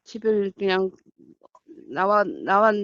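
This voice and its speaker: A woman calling for advice, speaking in an anxious, halting way and repeating herself. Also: mid-range voice, big pitch swings, a bit bright, no echo, highs cut off. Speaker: caller. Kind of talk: phone call asking for advice.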